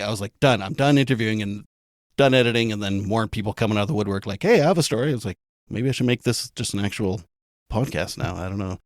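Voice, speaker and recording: A Canadian man appears as a podcast guest in a casual interview chat, rambling in a self-deprecating way and frequently restarting. His voice sits on the lower side. The studio sound is clean, with no echo.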